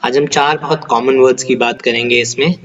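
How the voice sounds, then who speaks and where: A man's voice: medium pitch, steady tone, fairly bright tone. Man teaching pronunciation, lo-fi audio. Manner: explanatory, repeats words slowly and asks "right?". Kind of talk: classroom-style lesson in Hindi and English.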